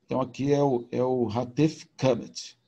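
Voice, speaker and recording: A man's voice: medium pitch, flat delivery, moderate pace, gravelly, dark tone. A man teaching a recorded video lesson, explaining patiently and informally with repetition. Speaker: Hebrew teacher.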